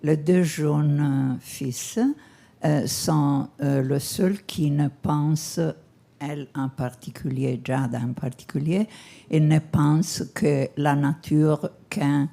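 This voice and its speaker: Halting foreign-accented French, slightly creaky. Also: medium pitch, fairly even intonation, dark tone. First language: not French, speaks more English. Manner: halting, searching for words. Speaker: audience questioner. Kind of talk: question at a press conference.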